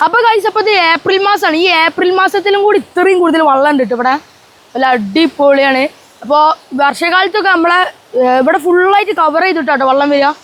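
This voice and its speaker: A woman with a very high voice talks casually to her viewers like a travel vlogger. She has a Kerala Malayali accent and drops English words into her Malayalam. Her manner is enthusiastic, with pet phrases that come round again and again. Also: no room sound. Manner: repeats enthusiastic filler phrases, addressing viewers. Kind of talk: casual vlog chat to viewers.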